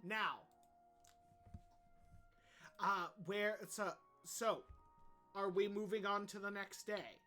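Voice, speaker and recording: Slow, bright-voiced game master. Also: mid-range voice, steady tone, faint music behind. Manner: drawn-out, deliberate narration. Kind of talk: narrating a tabletop game.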